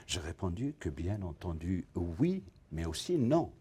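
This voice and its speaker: A male novelist, originally from Africa, answering questions in a television interview, thinking aloud and searching for his words, with many pauses. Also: low voice, sing-song, warm tone, slightly rough. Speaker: novelist guest. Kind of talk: TV interview, reflective.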